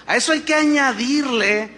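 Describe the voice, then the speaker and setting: A man, preaching a sermon as pastor. He speaks in an animated way and calls his listeners brothers. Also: extremely high pitch, normal speed. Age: 50s.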